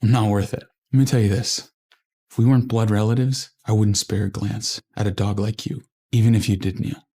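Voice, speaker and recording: Man as arrogant bullying cousin, husky voice, threatening, short drama. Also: fairly low pitch, level tone, a little fast, mellow. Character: arrogant young corporate manager, bullying cousin.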